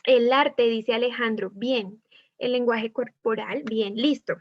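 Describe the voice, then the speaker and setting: A woman with a Colombian accent teaching a class online. Her voice sits fairly high as she keeps putting questions to her students and acts out different tones. The audio is dull, dry and lo-fi, like a video call. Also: slow, no echo. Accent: Colombian Spanish. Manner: asks students many questions, demonstrates tones of voice.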